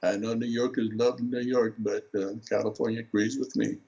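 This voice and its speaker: An older man from Seattle, a guest artist talking in an interview, slow to find his words, with many filler sounds. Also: medium pitch, flat delivery, warm tone, husky. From Seattle, USA. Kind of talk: relaxed interview talk. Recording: dull lo-fi sound.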